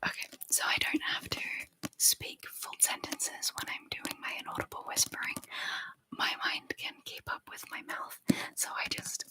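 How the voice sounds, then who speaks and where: A woman hosting a casual ASMR live chat in a breathy, mostly unvoiced whisper, softly repeating words and short phrases. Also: normal speed, low-quality recording. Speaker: ASMR live stream host.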